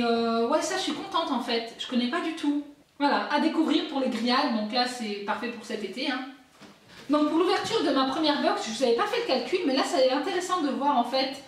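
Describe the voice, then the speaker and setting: Chatty woman in echoey room. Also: high-pitched. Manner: chatty, enthusiastic, reads labels aloud. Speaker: unboxing vlogger. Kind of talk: casual unboxing chat. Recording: very echoey room, distant mic.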